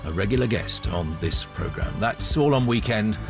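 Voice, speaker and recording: A man hosting a radio news programme, presenting and introducing his guests in a measured, polished way. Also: fairly low pitch, lively intonation, creaky, music in the background. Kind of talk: broadcast presenting and interviewing. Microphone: studio microphone.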